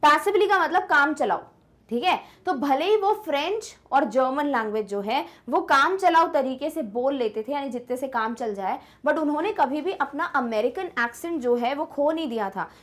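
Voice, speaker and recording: Brief: young female tutor, high-pitched, patient classroom explainer, often asks "clear?". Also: animated, a bit bright. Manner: switches between slow English reading and fast Hindi explanation; asks checking questions like "clear?". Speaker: teacher. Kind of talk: Hindi-medium English lesson, explaining text.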